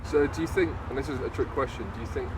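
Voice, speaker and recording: A man's voice: mid-range voice, quick pace. A man interviewing an actor, asking loose questions that he rephrases as he goes. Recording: distant voice under loud street traffic.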